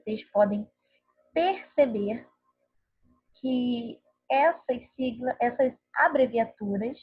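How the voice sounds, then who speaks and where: A woman teacher giving a recorded grammar lesson, explaining patiently and often checking in with her listeners. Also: sits high. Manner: patient, explanatory, frequent tag questions. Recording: narrow phone-like audio, slightly husky.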